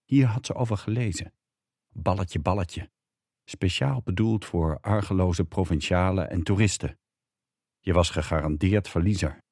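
A man narrates an audiobook in a measured, steady way. His voice sits very low, with a dark, husky timbre. The recording is dry and close. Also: no echo. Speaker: reader.

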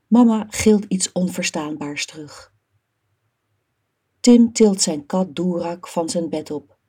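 A woman reads a children's story aloud, slowly and evenly, with a dark, mellow tone. Her voice is very breathy and husky, low for a woman. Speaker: narrator. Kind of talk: reading a children's book aloud.

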